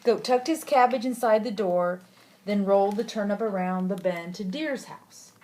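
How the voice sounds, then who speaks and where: Sweet grandmotherly older female storyteller, gentle and affectionate bedtime read-aloud, mid-pitched, faintly noisy home recording. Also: moderate pace. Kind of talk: read-aloud picture book storytelling with asides to a child.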